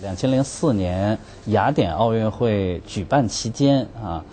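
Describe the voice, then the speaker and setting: A restaurant manager giving an interview answer in a halting way, full of fillers. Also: male voice, lowish voice, expressive, mellow, a little hiss or hum.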